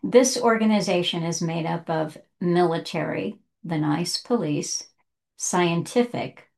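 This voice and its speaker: A woman's voice: fairly low pitch, a little slow, vocal fry, darkish tone. A woman hosting a casual, rambling book discussion, chatty and self-correcting, who reads passages aloud with care.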